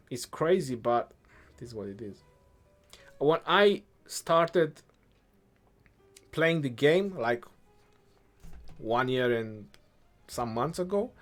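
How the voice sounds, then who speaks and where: Relaxed and thinking aloud, a young man with an Eastern European accent and a medium-pitched voice answers chat questions during a game livestream.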